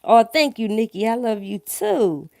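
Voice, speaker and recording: A live-stream host with a thick Philadelphia accent speaks to viewers in a voice on the high side, expressive, creaky and warm, at a measured pace. She's blunt, emphatic, slangy and swears freely, often using tag questions to confirm they follow her opinions. Clean, dry studio recording.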